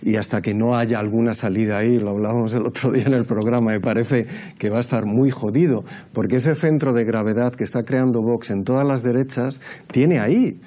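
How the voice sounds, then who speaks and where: Man, panelist, dark warm voice, measured, hesitant, analytical debate talk. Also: medium pitch. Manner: measured, lecturing, many hesitations. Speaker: political panelist.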